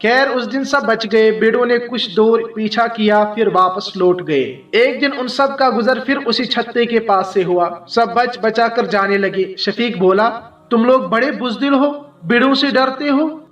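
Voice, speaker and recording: A man narrating children's stories for an audiobook in measured, short clipped phrases. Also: high-pitched, fairly bright tone, far from the mic, dull audio. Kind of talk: scripted children's story narration. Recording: roomy echo, heard from afar, faint music.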